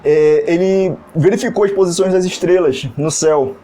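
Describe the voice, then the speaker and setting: A man's voice: high-pitched, moderate pace, mellow, a little hiss or hum. A man co-hosting a casual film chat who agrees readily and adds side facts. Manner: agreeable, chimes in with short backchannels. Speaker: podcast co-host. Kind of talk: casual group chat about films.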